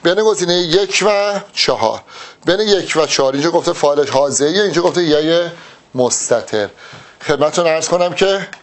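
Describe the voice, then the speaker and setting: A man with a fairly high voice tutors students for an exam. He works through the answer options with emphatic, animated delivery and addresses the learners directly. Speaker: exam-prep Arabic teacher. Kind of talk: test-solving lesson.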